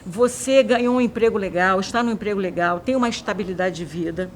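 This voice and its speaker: In a documentary interview about mental health, a woman doctor explains things hesitantly but vividly. Her voice is medium-pitched and brisk, with slight background noise behind it.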